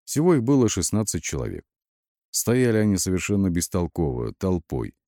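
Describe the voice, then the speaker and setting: Brief: male narrator, low and dark, lively swings in the reading, dry close sound. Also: normal speed, no echo. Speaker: audiobook narrator. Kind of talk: dramatic audiobook reading.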